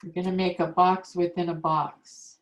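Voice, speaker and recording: A woman's voice: lowish voice, flat delivery. A woman teaching an online calligraphy class, patiently explaining each step as she demonstrates. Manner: slow, patient step-by-step instruction. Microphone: video call. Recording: echoey room on a video call.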